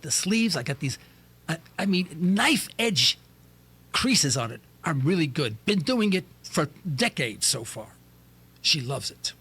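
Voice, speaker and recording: High lively guy, radio host telling a funny story, bright kinda husky voice. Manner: animated, jokey, mimics voices in falsetto.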